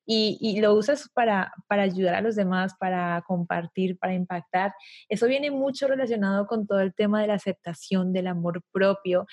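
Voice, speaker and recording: A woman co-hosts a podcast, reacting quickly and enthusiastically to her guest. She fills her speech with short fillers as she talks. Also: medium pitch, darkish tone. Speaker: podcast co-host. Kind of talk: interview conversation.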